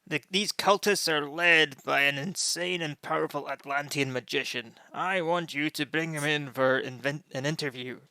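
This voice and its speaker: A man running a tabletop game as game master, improvising in a halting way. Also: on the high side, bright, forceful tone, smooth, no room sound.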